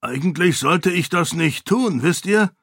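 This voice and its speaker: A man's voice: high-pitched, expressive, unhurried, a bit bright, husky, no echo, studio quality, voice pushed up, exaggerated voice. A man voicing a greedy adult male city guard captain, raised and eager in his speech.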